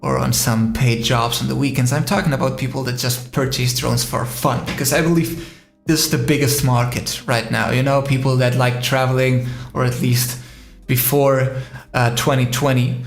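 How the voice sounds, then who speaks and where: A man's voice: medium pitch, steady tone, moderate pace, creaky, roomy sound, faint music behind. A man from Spain hosting a casual live stream, rambling with many fillers and answering viewers' comments. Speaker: drone live-stream host.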